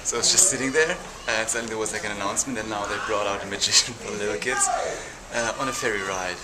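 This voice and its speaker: Casual young man vlogging through loud noise. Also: lowish voice, fast talker. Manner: rambling, informal. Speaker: travel vlogger. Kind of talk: casual travel vlog chat. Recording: loud ambient travel noise.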